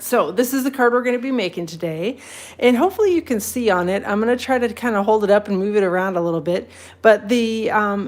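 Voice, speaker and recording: A woman hosts a casual papercraft livestream demo, chatting away and rambling between tips while a cold leaves her slightly sniffly. She greets viewers by name and laughs easily, speaking at an ordinary middle pitch.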